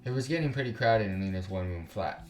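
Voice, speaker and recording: A gaming YouTuber reads a visual novel aloud, breaking off for slangy, sweary, incredulous asides. His lowish voice is fast with lively intonation, and the recording has roomy echo, a distant mic, and music behind him.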